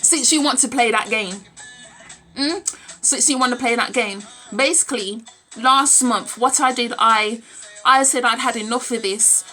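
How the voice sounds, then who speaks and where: A woman's voice on the high side, a little slow and sharp in tone, with faint music behind it. The speaker is a British vlogger around thirty, recording to camera at home on a phone held at arm's length. She talks casually but bluntly, with strong opinions, emphasis, repeated phrases and swearing.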